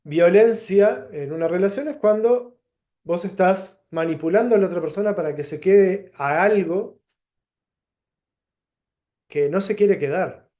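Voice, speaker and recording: Rioplatense male lecturer, mellow tone, a bit high-pitched, reflective, pauses and restarts mid-thought. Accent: Rioplatense Spanish. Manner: thoughtful, pauses and restarts, gives plain examples. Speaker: teacher.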